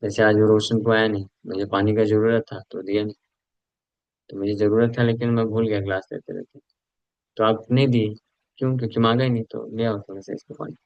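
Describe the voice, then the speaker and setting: Male preacher, low register, dry close sound, conversational scripture class that mixes in English. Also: flat delivery, fairly quick, no echo, dull audio.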